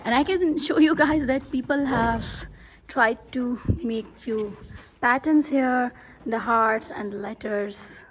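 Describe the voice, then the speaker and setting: This is a slow-speaking woman with a voice on the high side, recording a chatty, upbeat travel vlog on a handheld phone. She strolls outdoors around a hilltop castle and lake, often using fillers and starting sentences over.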